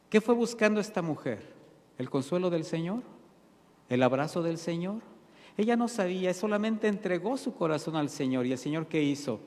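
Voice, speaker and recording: A man's voice: a little high, a little mellow, in a large hall. A man preaching a sermon as pastor, asking his congregation questions and answering them himself, calling them brothers. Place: church hall.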